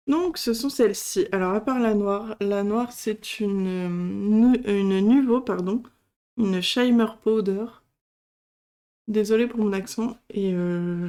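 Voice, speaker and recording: A craft channel host with a warm, medium-pitched voice runs a casual product demo, showing items one at a time. She speaks hesitantly and fills her talk with lots of fillers.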